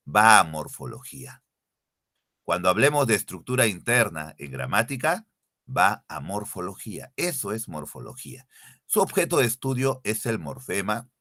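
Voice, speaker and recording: Over a computer mic while screen sharing, a man runs an online exam-prep class, repeating key definitions and quizzing students directly with exam-style questions. His voice is bright and forward, with a pitch that swings widely, and the sound is dry and close with no room echo.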